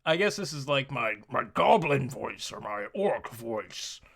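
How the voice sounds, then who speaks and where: A man putting on a very old, weird goblin or orc voice, slow and gravelly. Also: mid-range voice, big pitch swings, a bit bright, full character voice. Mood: croaky.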